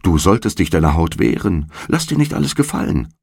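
A soft-hearted mother who gently scolds her spoiled son, put on by a man reading. The voice is deep and gravelly, with lively rises. It sounds dry and close. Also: brisk, no echo, exaggerated voice. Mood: doting.

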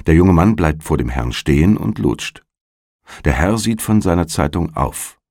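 A man reads a short story aloud in short, measured sentences. His voice is very deep, gravelly and husky, with lively pitch movement. The sound is dry and close. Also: dry recording. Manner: measured, plain delivery. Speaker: narrator.

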